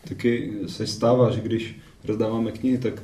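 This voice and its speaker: A man's voice: fairly low pitch, flat delivery, normal speed, mellow. A man interpreting live, steadily relaying what others say. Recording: echoey room, distant mic, faint noise.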